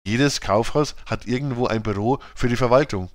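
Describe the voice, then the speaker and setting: A man voicing a resourceful boy who calmly plans what his friends should do, speaking in a steady, matter-of-fact way. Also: mid-range voice, normal speed, no echo, studio quality, close to an everyday voice. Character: resourceful boy leader, calm and decisive.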